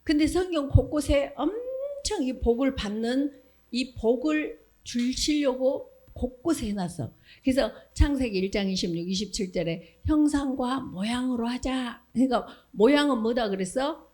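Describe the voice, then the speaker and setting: A woman's voice: sits high, normal speed. A middle-aged woman giving a Sunday school sermon, quizzing children with questions and acting out little voices. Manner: animated question-and-answer with children, acts out voices. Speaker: children's ministry preacher.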